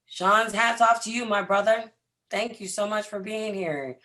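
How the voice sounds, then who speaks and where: A trading coach on a live stream hypes up his viewers with lots of energy, though his voice is hoarse and nearly gone. It sits high, and he speaks a little slowly.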